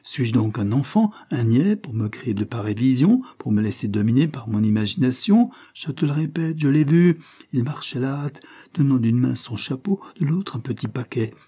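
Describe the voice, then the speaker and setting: A man's voice: medium pitch, moderate pace, warm tone, slightly rough. A man reading the part of a shaken young man on the run, who speaks urgently and insistently. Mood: agitated, insistent.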